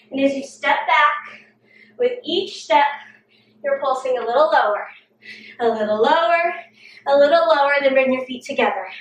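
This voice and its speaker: Woman fitness coach, winded, high voice, slow steady cues, recorded from a distance. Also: slight background noise. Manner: coaching, encouraging, breathy exclamations between cues. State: out of breath. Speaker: fitness instructor. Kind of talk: workout video instruction. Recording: roomy echo, distant mic.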